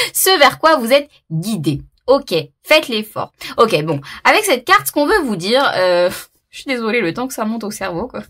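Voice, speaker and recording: A woman's voice: fairly high pitch, fairly bright tone. A woman doing a casual tarot reading to camera, talking hesitantly with lots of fillers and repeated words, and laughing at herself. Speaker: tarot reader.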